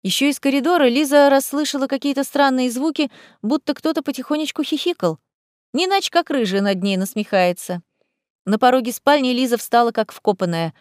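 Woman narrating a lively fairy-tale audiobook. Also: sits high, fairly quick, no echo, clean studio sound.

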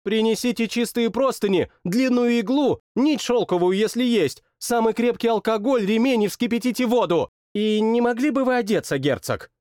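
A man voicing a fierce, indignant young woman from another world who scolds in a sharp, rapid-fire way. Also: very high voice, no echo, studio quality, voice pushed up.

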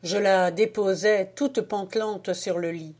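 A woman reading a literary audiobook in a measured, expressive way. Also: medium pitch. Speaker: audiobook reader.

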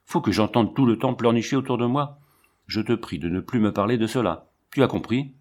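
A man's voice: on the low side, expressive, moderate pace. A man reading the part of a proud, brusque male lion tamer showing off his animals. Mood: angry. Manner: boastful, brusque.

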